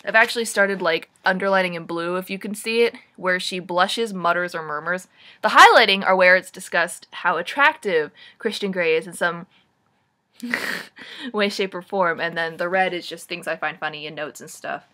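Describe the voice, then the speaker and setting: A woman's voice: fairly low pitch, moderate pace, bright, forceful tone. A young woman in her twenties giving a casual, comic book-review rant, sarcastic and swearing freely, with lots of "like" and dramatic groans. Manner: gushing then mocking, dramatic sighs and groans.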